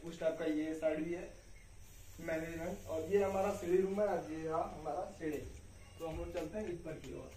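A young man's slightly high, somewhat mellow voice carries a casual, chatty walkthrough of a small concrete house, its bare rooms and rooftop filmed by his sister. With her camera a few steps away, the sound is distant and echoey, with slight background noise.

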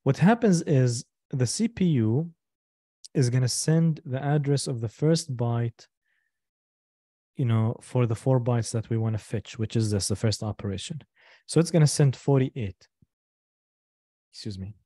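A male instructor giving a live online lecture, explaining slowly and patiently, repeating each step and asking the class for questions. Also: medium pitch, dark tone, slightly rough, no room sound, studio quality. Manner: asks the class for checks and questions.

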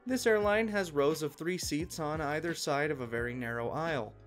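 A man giving a scripted narration of an online post in a steady, even reading manner. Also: on the high side, moderate pace, soft background music. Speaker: story narrator.

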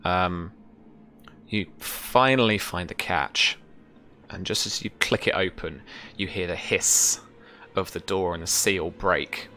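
In a small room at home, a man in his thirties acts as game master for a tabletop game, narrating in a descriptive, measured way with trailing pauses. His voice is low-pitched with a sharp tone.

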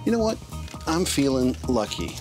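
A middle-aged man chatting casually at his workbench while he tests old gear. He jokes and pokes fun at himself, and his pitch swoops up and down a lot. Chiptune game music plays clearly behind him. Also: sing-song, normal speed. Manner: jokey and self-deprecating, hums tunes and laughs at himself. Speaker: craft and repair YouTuber. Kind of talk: casual vlog narration. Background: retro video game music.

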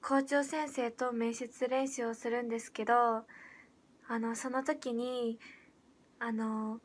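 A teenage girl auditioning for an idol group, chatting casually on a livestream and reading out viewer comments in a soft, hesitant way full of fillers. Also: a little high, level tone, slow. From Japan.

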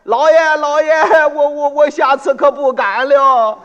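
A man doing a stammering shrill pot seller. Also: a little slow, fairly bright tone, lo-fi sound. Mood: pleading. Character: frightened young male pot seller, flustered.

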